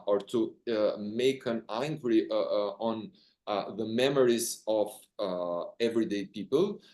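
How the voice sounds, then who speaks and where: A man speaks as a seminar guest, explaining in a halting academic way with frequent fillers and self-corrections. His voice sits in the middle range. The sound carries a noticeable room echo. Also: mid-range voice, a little mellow. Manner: halting, with many fillers and restarts. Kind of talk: academic lecture answer.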